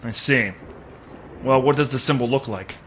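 A man's voice: medium pitch, normal speed, background noise, natural voice. An actor playing a weary, wisecracking hard-boiled private detective who narrates his own case. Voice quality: sardonic, weary. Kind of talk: noir detective narration and dialogue.

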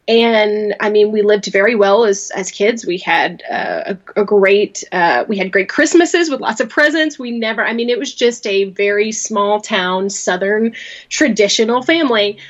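Guesting on a podcast, a rural Louisiana woman from the USA talks casually in interview style, rambling, laughing often, and restarting sentences. Her medium-pitched voice is a bit bright, with the highs cut off.

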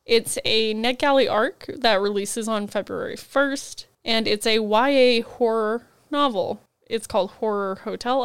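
A woman's voice: a little high, clear, resonant tone, no echo. A woman with a cold, co-hosting a book podcast and chatting casually about what she is reading. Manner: chatty, rambling book rundowns with frequent "like". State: has a cold, head foggy.

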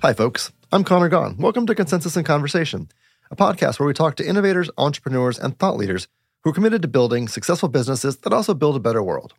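A man's voice: on the high side, very animated, quick pace, vocal fry, husky, no echo. A man hosting a podcast, introducing a guest and asking upbeat interview questions. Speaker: podcast host.

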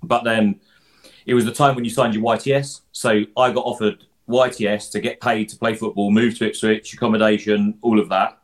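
A man's voice: lowish voice, flat delivery, brisk. A man with an Essex accent chatting casually as an interview guest, talking in a self-deprecating, matey way. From Essex, England. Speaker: former footballer turned pundit, interview guest.

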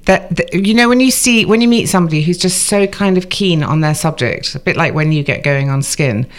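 In a clinic room, a middle-aged journalist co-hosts a casual chat, talking in a chatty, self-deprecating way and rambling a bit. Her voice is fairly low-pitched and brisk.

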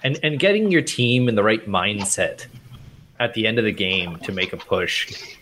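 Lower-voiced man giving sports takes. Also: animated, normal speed, pushed and bright, slight background noise. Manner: opinionated, thoughtful. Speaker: podcast co-host. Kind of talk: casual sports chat.

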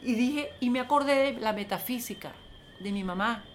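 Older Venezuelan woman, interview guest, animated storyteller, slightly high voice, faint background noise. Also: moderate pace. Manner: lively, acts out quoted voices, talks to the host by name. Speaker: interview guest, film producer.

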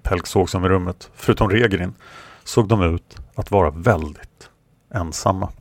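A man reading a fantasy story aloud in a steady, measured way. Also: sits low, no echo. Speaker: narrator.

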